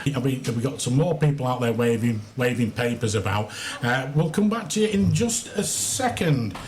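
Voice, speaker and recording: A radio host with a medium-pitched voice and moderate pace runs a live interview outdoors in a city square. He encourages his guests and repeats back what they say. The outdoor broadcast carries a steady hum of background ambience.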